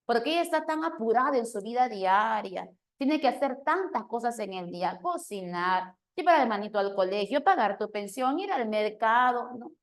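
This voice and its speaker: A woman teacher giving an animated lesson, often checking in with her listeners. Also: fairly high pitch, moderate pace, few pauses. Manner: animated, questioning, keeps asking "¿sí o no?". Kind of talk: lively classroom lesson.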